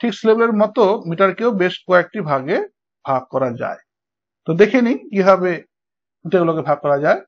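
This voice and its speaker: A man's voice: sits high, animated, brisk. A man teaching English verse meter in a Bengali-accented online lecture, patiently explaining and often checking whether his students follow. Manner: patient, checks understanding with frequent "okay?". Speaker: English literature tutor. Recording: dull lo-fi recording.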